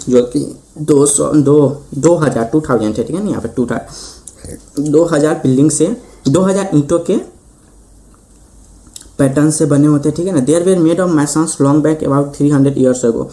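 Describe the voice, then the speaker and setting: Male maths tutor, mellow tone, explains step by step with constant "theek hai" check-ins. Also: a little high. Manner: repeats "ठीक है" often, reads English lines slowly then explains. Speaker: host of the channel. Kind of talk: online maths lesson.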